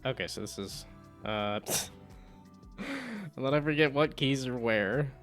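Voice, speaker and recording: A man's voice: medium pitch, measured pace, a bit bright, soft background music. A man streaming a game, chatting casually, laughing often and reading the game's text aloud.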